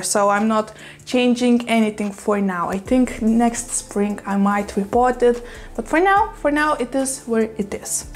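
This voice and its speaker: A woman with a strong Russian accent talking casually to the camera at home about her rescued houseplants, chatty and quick to laugh. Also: on the high side, darkish tone. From Lithuania. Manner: chatty, laughs often, says "you know" a lot. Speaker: plant vlogger. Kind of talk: casual vlog chat. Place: home room with plants.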